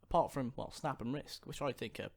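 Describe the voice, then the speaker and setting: A man's voice: mid-range voice, a little fast, gravelly. A man co-hosting a podcast, chatting in a jokey, cheeky way. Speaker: podcast co-host. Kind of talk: casual chat.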